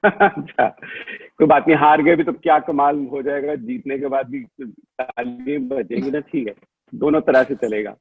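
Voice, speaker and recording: A man's voice: medium pitch, steady tone, moderate pace, breathy edge, narrow, tinny audio. A man, a guest on a talk show, joking playfully and mixing in English. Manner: playful and self-mocking, with bits of English. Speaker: guest director.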